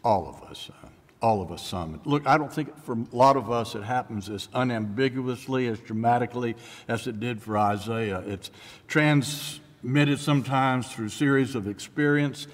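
A middle-aged male pastor preaching a sermon, speaking haltingly with frequent restarts and soft, trailing line endings. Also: medium pitch. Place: church sanctuary. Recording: long church reverb.

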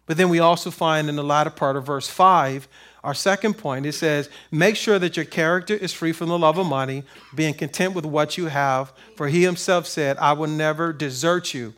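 Male pastor, high voice, emphatic call-and-response preaching. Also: moderate pace, a bit bright. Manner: call-and-response questions, rising to emphatic peaks. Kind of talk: sermon.

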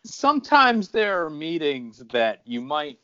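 A man's voice: a little high, very animated, slow, a bit bright. A man hosting a podcast in casual chat, joking and laughing as he talks. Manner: jokey and laughing. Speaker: podcast host. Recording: dull lo-fi sound.

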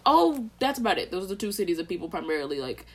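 A young woman from Texas with a Southern American accent, co-hosting a casual podcast chat and getting animated. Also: fast talker. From Texas, USA. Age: young adult. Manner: animated, swings up high when riled. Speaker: podcast co-host.

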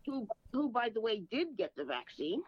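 A woman's voice: fairly high pitch, big pitch swings, normal speed, breathy edge, dry recording, lo-fi sound. A woman who owns a pharmacy, answering interview questions in a direct, plain way. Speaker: pharmacy owner, guest.

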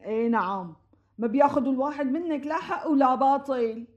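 A woman with a Syrian accent playing a chatty, meddling middle-aged matchmaker neighbor in a comic radio play, talking fast and theatrically over others. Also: high-pitched, a little mellow, highs cut off, lightly acted. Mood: bossy. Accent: Syrian Arabic. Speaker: comic audio drama actress.

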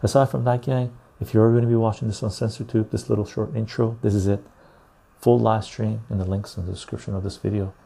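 Husky, low-key man on a clip-on lapel mic. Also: flat delivery, mellow. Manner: chill, unhurried talk addressed to viewers. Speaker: live stream host. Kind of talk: casual livestream chat.

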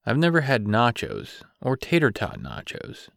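A male narrator voicing an eager, easily delighted adult man in an audiobook, with an earnest, excitable manner. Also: medium pitch, a little slow, gravelly, no room sound, studio quality, exaggerated voice. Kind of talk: audiobook character reading.

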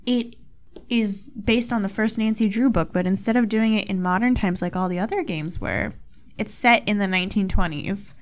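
A young woman hosts a podcast by herself, her voice medium in pitch and her speed normal. She chats casually, rambling and poking fun at herself, and swears often.

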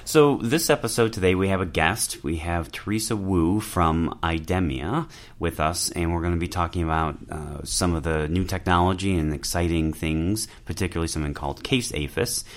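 Deep-voiced male podcast host. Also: moderate pace. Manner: relaxed, chatty, friendly questions. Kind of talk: casual podcast interview.

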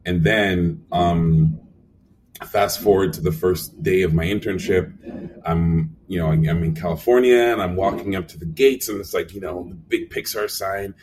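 A young man with a low, deep voice tells stories as an interview guest. He acts out conversations and talks with plenty of fillers. He sounds a little away from the mic, with faint noise in the room. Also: normal speed, distant mic. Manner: animated storyteller, acts out quotes, frequent fillers. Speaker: animation supervisor guest. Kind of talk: casual storytelling interview.

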